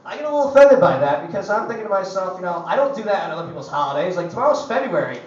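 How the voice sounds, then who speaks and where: A man's voice: high-pitched, big pitch swings, racing, slight background noise. A young man doing a crude, profane stand-up set in a coffee shop, rambling with lots of "like, you know". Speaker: stand-up comedian. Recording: echoey, dull, distant camera recording.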